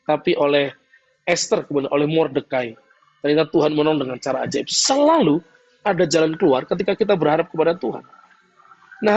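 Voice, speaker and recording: Gravelly-voiced male preacher, lo-fi. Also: high voice. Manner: animated storytelling, acting out voices in his stories. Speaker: pastor. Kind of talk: sermon.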